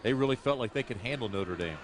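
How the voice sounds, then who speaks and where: A man's voice: medium pitch, animated, quick pace. A man giving college football color commentary, breaking down plays in an easy, conversational way from a broadcast booth. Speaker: color analyst. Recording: loud noise under an old broadcast.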